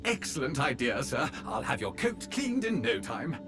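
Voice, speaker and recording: A man's voice: medium pitch, sing-song, moderate pace. A man voicing an obsequious male butler robot in a video game. He speaks formally and calls his master sir. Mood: polite. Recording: game audio with music underneath.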